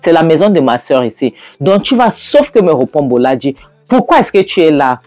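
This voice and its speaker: A storyteller voicing a frantic young man who shouts for his mother, high-pitched and loud. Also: sing-song, moderate pace, dry recording, soft background music, close to an everyday voice. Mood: angry demanding.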